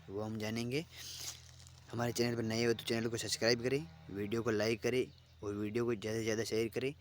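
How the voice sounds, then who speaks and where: A man teaching an online exam-prep lesson, reading out word lists slowly and repeating phrases as he explains. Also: lowish voice, slight background noise.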